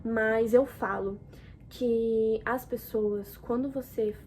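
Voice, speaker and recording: A woman's voice: on the high side, slow, a little hiss or hum. Chatty young Brazilian woman vlogging. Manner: expressive, chatty, swings between loud exclamations and soft asides. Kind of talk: casual chat to camera.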